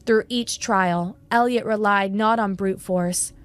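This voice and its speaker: A woman telling a fantasy adventure in a measured storyteller's voice, in a mid range. The recording is close and dry, with soft music underneath. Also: medium pitch, fairly even intonation, smooth, dry recording. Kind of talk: scripted fantasy narration.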